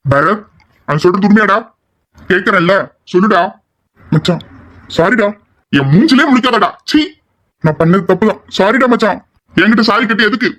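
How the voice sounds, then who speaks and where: Guy doing hot-headed college boys, fairly high voice, picks fights and lectures. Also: normal speed, pauses often, fairly bright tone. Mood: heated. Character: young male college students, hot-tempered friends. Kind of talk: amateur audio drama acting.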